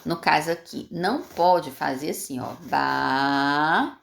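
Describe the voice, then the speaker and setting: A woman's voice: low-pitched, normal speed, gravelly. A woman teacher, patiently walking young pupils through homework and answering her own questions. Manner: patient, repeats steps, asks and answers questions.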